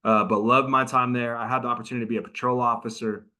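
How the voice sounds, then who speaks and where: A fast-talking middle-aged man with a mid-range voice, flat delivery and sharp tone gives a training presentation over a video call. As a prosecutor and trainer, he keeps it casual, chatty and interactive with his audience.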